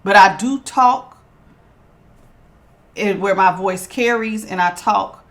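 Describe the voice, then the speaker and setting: Reading tarot cards casually for her viewers, a woman speaks slowly in a bright, forceful, mid-range voice that projects strongly. She's emphatic and authoritative, repeating phrases to double down on her points.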